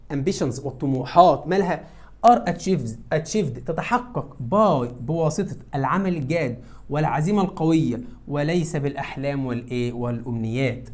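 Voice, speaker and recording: Egyptian guy teaching english really fast, keeps asking the class stuff then answering it himself. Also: on the high side. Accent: Egyptian Arabic. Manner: lively, asks students questions and answers them himself. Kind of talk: classroom lesson explaining exam answers.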